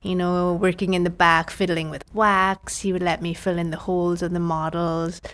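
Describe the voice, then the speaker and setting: A woman's voice: fairly low pitch, little pitch movement, normal speed, a bit bright. A woman in her thirties from Trinidad, a prosthodontist guest telling her story in a chatty podcast interview, often quoting her own past thoughts.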